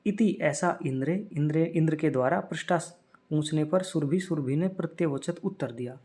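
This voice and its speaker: A male teacher who reads a passage phrase by phrase and explains the meaning of each word in a steady lesson style. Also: fairly high pitch, moderate pace.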